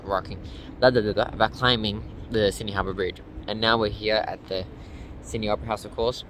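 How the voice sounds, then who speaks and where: A young man in a casual travel vlog, talking loosely and upbeat into a phone held at arm's length outdoors. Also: fairly low pitch. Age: young adult. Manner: chatty, upbeat, loose and rambling. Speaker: vlogger. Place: outdoors in a city at night. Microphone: phone camera held at arm's length. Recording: noisy outdoor street recording.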